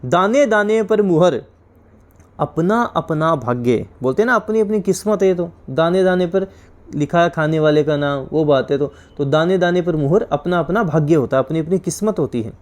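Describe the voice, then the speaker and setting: A male teacher from India with a fairly high voice runs an exam-prep class. He explains each rule, repeats it, and keeps asking his students questions. His voice drops low and quiet whenever he gives the corrected word. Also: moderate pace.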